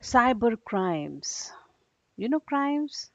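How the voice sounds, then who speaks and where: In a read-aloud lesson for a young class, a woman teacher speaks slowly and deliberately, her pitch swinging widely. She simplifies terms and asks short questions to check understanding, captured in a dull, low-fidelity recording with no room sound.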